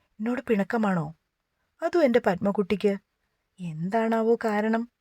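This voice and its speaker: A woman's voice: mid-range voice, animated, normal speed, a little mellow, dry recording, studio quality, close to an everyday voice. A woman voicing an affectionate young husband who speaks in a coaxing, sing-song way in a romance audiobook. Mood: tender.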